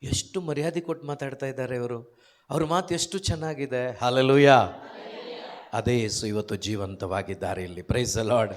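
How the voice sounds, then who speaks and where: A man's voice: mid-range voice, moderate pace. A man preaching an emphatic sermon, firing off rhetorical questions and calling out hallelujahs.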